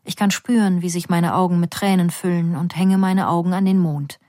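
A woman reading a first-person story aloud in a calm, measured, quiet voice. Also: on the low side, dry recording, studio quality. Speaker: reader.

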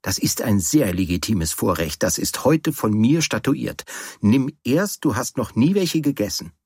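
A man's voice: on the low side, big pitch swings, unhurried, a little mellow, husky, no echo, studio quality, exaggerated voice. A man voicing a playful, bossy young woman in an audiobook reading, with a teasing, insistent manner.

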